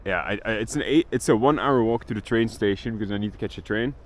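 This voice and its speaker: A young Belgian travel vlogger whose first language is Dutch rambles casually on a city street, swearing now and then. His voice is on the low side and he talks fast, with faint street noise around him.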